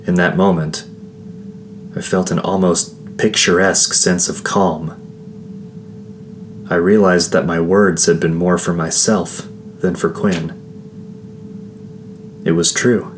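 A man reading a first-person fantasy novel aloud as an audiobook narrator, in a measured, grave storytelling manner. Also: sits low, slight background noise.

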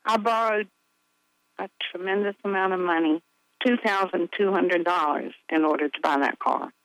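A woman's voice: fairly low pitch, normal speed, fairly bright tone, no echo. A woman phoning in to a radio show and chatting eagerly and in a friendly way with the host. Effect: caller heard over a phone line on a radio show. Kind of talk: casual call-in chat.

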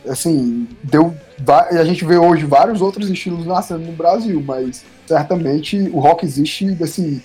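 A man's voice: on the high side, unhurried, hardly any pauses, dark tone, husky, soft background music. A man with a Brazilian accent explaining his view in a casual podcast discussion, peppering it with colloquial tags. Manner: explanatory, many filler tags.

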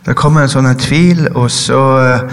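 Halting man giving a testimony. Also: mid-range voice, long reverb tail. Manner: hesitant, halting storytelling with many fillers. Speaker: guest giving a personal testimony. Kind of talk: emotional spoken testimony.

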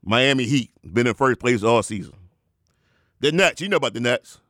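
A man talks sports and faith in one breath, hyping himself in the third person like a preacher. His voice drops into a low drawl and then jumps into high, excited bursts. The sound is dry and close, with no room echo. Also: moderate pace. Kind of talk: sports talk mixed with sermon.

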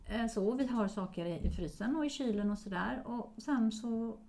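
A woman in her forties chatting casually as a podcast co-host, telling stories with laughter and acted-out quotes. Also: on the high side. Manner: lively storyteller acting out quotes with laughs. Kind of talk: casual chat.

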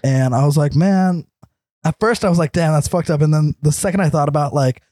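A young man co-hosting a podcast in loose, crude banter, his voice sitting a little high for a man. He laughs a lot, swears freely and puts on voices to act out the people in his stories. The mic is close and dry. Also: fairly quick, mellow, no echo. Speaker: podcast co-host.

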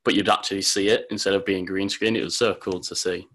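A man's voice: deep voice, steady tone, fast talker, fairly bright tone. A young man, hosting a podcast in casual, rambling chat. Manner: friendly, easily laughing, rambling. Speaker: podcast host.

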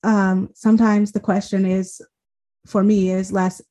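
A woman's voice: mid-range voice, little pitch movement, unhurried, dark tone. A young woman guest, a college graduate, talking enthusiastically in a casual discussion with many fillers. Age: young adult.

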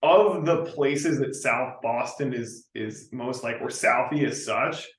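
A man co-hosting a podcast in casual chat, sardonic and quick to chime in. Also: mid-range voice, echoey room, low-quality recording. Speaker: podcast co-host.

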